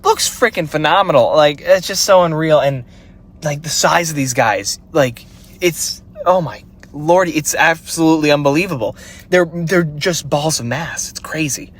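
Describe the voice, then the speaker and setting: A young man vlogging casually, excited and rambling with many fillers. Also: fairly high pitch, moderate pace. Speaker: vlogger, fitness coach. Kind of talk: casual vlog talk.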